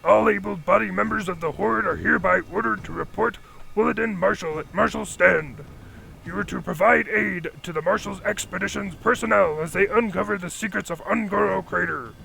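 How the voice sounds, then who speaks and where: A man voicing a gruff male orc herald who proclaims orders in a gravelly, commanding voice. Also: sits high, fairly quick, bright, forceful tone, voice pushed up, full character voice, rough recording.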